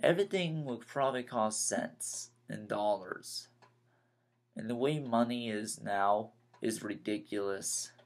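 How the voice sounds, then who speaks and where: Young man rambling low and slow. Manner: halting, repeats and restarts phrases, frustrated. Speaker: vlogger. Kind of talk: rambling personal vlog.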